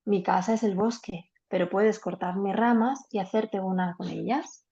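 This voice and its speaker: A woman voicing a gentle, selfless giving tree in a storybook reading. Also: mid-range voice, moderate pace, highs cut off, close to an everyday voice. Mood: tender.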